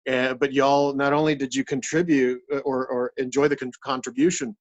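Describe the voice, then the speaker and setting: A man talking casually as an interview guest, halting and repeating words as he searches for the next one. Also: mid-range voice, level tone, dull audio. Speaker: puppeteer and voice actor, interview guest.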